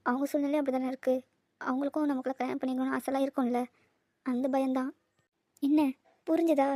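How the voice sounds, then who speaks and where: A woman's voice: high-pitched, flat delivery, quick pace, warm tone, no echo, studio quality. A woman voicing a worried, scolding young woman. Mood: earnest. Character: young woman anxious about a forced marriage. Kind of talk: Tamil cartoon dubbing.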